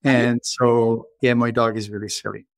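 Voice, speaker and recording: A man with a Czech accent hosts a casual podcast chat, drifting into long personal stories. His voice sits at an ordinary middle pitch. The recording is dry and close with no room sound. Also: little pitch movement, moderate pace, no echo. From Czech Republic. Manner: rambling, personal storytelling. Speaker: podcast host.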